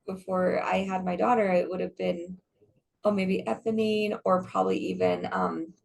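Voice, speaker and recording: A young adult actress chatting casually in an interview, rambling with many restarts and frequent laughs. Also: female voice, on the low side, fairly even intonation, normal speed, gravelly. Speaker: guest, stage actress.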